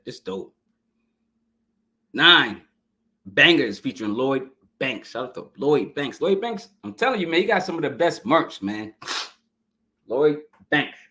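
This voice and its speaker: His medium-pitched voice comes out pushed and bright, a bit scratchy this morning, as he hosts a hyped, slangy album review podcast. He addresses his viewers directly over a live stream podcast mic.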